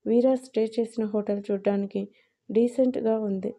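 A woman's voice: mid-range voice, steady tone, moderate pace, mellow, close to an everyday voice. A woman voicing a protective, shrewd male friend who asks firm, probing questions in an audio story.

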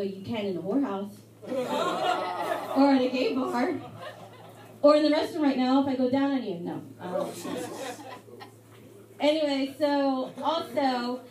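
A woman's voice: high-pitched, distant mic. Rambling young woman doing stand-up. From Mexico. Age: young adult. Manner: rambling, halting delivery with many fillers. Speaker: stand-up comedian. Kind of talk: live stand-up set. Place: hotel pub comedy night. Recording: echoey live room miked from afar with loud crowd. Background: audience chatter and laughter.

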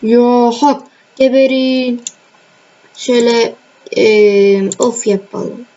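A young woman hosting a gaming channel chats about her gameplay, speaking directly to viewers and teasing the players she fights. Her voice is a little high and mellow with fairly even intonation, extremely slow. It's a screen-recorded voice mic, dull and lo-fi, with faint home noise.

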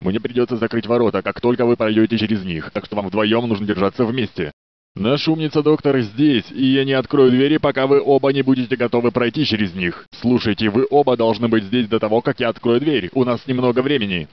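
This is a Russian game dub in which an actor voices a courteous, dutiful male security guard at a research facility, friendly and a bit flirtatious. The mid-range voice sounds natural and runs a little fast. It was recorded dry, with the dull quality of a studio dub.

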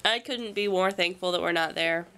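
A young family vlogger with a bit of a cold chats to a handheld camera held at arm's length in her bedroom, animated and rambling as she sounds congested. Her voice is fairly low and moderately paced, with a little hiss or hum.

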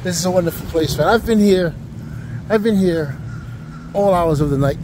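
In a high voice and at a moderate pace, a middle-aged vlogger narrates a casual walking tour of a waterfront park, chatting with people he passes. He films with a handheld camera as he walks. Faint wind and outdoor ambience fill the background.

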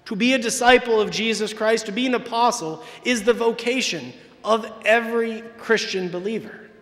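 A man in his thirties delivers a Sunday homily from the pulpit of a large church, his voice pitched high. He preaches with emphatic pauses and builds his points with sweeping gestures. The sound is caught from a distance, with a long reverb trailing through the church. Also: a bit bright. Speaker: parish priest. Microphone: far camera, church sound system.

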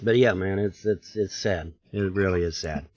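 A man's voice: low voice, moderate pace, darkish tone, highs cut off. A man on a podcast panel ranting in casual chat, repeating himself with animation.

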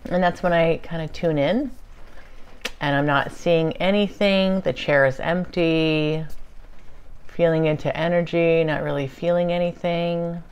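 A woman's voice: sits low, steady tone, measured pace, smooth, dull audio. A woman giving a casual daily spiritual video update, chatty, with frequent ums and small laughs. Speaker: spiritual channeler vlogger.

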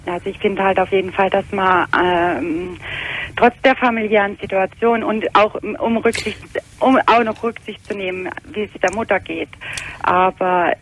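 A middle-aged woman calling a radio show over a landline phone, talking in a concerned, measured and thoughtful way. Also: medium pitch, steady tone, a little hiss or hum, poor audio. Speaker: caller.

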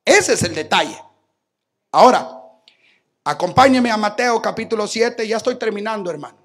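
A male preacher giving a sermon, dropping to low asides and then bursting into shouts, often calling out to his brothers and sisters. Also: lively intonation, normal speed. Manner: addresses listeners as brothers and sisters.

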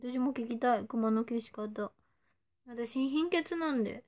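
An idol in her twenties chats unhurriedly on a livestream, her voice on the high side with a darkish tone. She playfully reads out her fans' comments and at times drops to a whisper.

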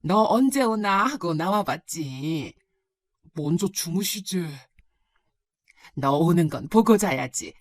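A woman voicing a gentle, doting elderly grandmother in a told story, with a soft, caring, slow manner. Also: lowish voice, lively intonation, no room sound, studio quality. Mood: tender, fussing. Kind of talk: storybook narration.

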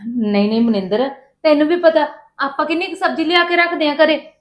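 A woman's voice: high voice, brisk, natural voice. An actress playing a patient housewife who placates her demanding sister-in-law and complains to her husband. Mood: pleading. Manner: pleading, placating, then aggrieved. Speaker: actress in a village family drama.

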